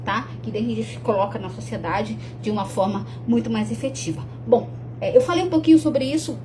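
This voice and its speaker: Earnest woman, mellow voice. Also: fairly high pitch, a little fast, a little hiss or hum. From Rio Grande do Sul, Brazil. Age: young adult. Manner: earnest, with many restarts and tag questions. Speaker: speaker promoting her talk. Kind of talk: casual to-camera talk.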